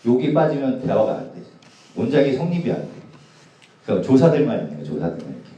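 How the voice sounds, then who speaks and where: A man's voice: medium pitch, sing-song, fast, dark tone, very echoey, far from the mic, highs cut off. A man in his forties, a youth pastor, preaching to a young congregation in a casual, humorous storytelling way. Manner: casual, humorous anecdotes told to a youth group. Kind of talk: sermon storytelling. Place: church hall.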